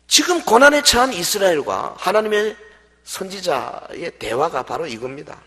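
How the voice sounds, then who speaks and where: A man's voice: sits high, sing-song, normal speed, sharp tone, slightly rough. A man preaching a sermon as pastor, with dramatic swells and acted quotes. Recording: long hall reverb.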